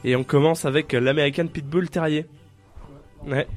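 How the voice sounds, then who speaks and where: A man hosting a radio show, casually reading out a list with deadpan absurd jokes and lots of hesitant fillers. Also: a little high, moderate pace, faint music behind.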